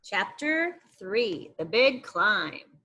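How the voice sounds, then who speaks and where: This woman teacher speaks at a medium pitch and extremely slowly while reading a nonfiction book to young children. She's expressive, explains the content, and makes asides to her pupils.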